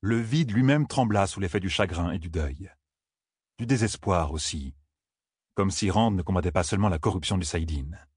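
Man narrator, very deep voice, husky, steady grave reading, dry close sound. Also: normal speed, no echo. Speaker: audiobook narrator. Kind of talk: scripted fantasy narration.

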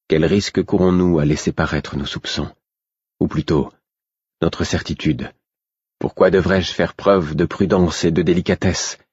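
A man's voice: a bass voice, breathy edge, no echo, highs cut off, exaggerated voice. A man voicing a grave, resolute queen. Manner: measured, quietly fierce.

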